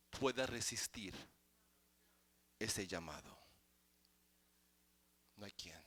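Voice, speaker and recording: A male pastor preaching a sermon in church, moving from quiet explanation to loud, chanted exhortation. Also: medium pitch, dry recording. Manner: starts quiet and builds to shouting, chanted preaching.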